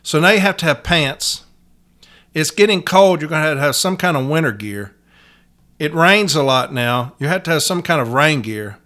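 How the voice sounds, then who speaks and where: Male podcast host, moderately high pitch, gruff tough love, blunt, profane, impassioned ranting. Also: animated, normal speed, sharp tone. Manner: profane, plain-spoken. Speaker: podcast host, union letter carrier.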